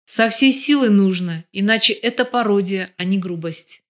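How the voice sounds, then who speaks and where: A brash young woman with a mocking, taunting edge, written into a crime audiobook, as a woman narrator puts her on. Her speech stays close to the reader's own mid-pitched voice, only lightly coloured. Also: normal speed, lightly acted. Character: bold scheming young woman, mocking and tough.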